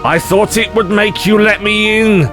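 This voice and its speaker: A man acting in an audio drama as an eccentric, excitable time-travelling adventurer, theatrical and given to rambling digressions. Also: sits high, a little slow. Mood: panicked, urgent. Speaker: lead actor in an audio drama. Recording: music under the voice.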